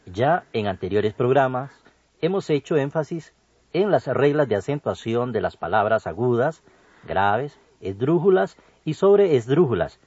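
A man co-hosting an educational radio program, reading a grammar lesson slowly and deliberately. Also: big pitch swings, darkish tone, breathy edge, no room sound. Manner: slow, deliberate, with wide swings in pitch. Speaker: co-host of a language program. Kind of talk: scripted educational radio narration. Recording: dull lo-fi broadcast audio.

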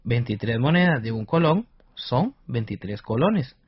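A man's voice: mid-range voice, sing-song, unhurried, breathy edge, muffled recording. A man with a Costa Rican accent presenting a scripted radio lesson as a teacher.

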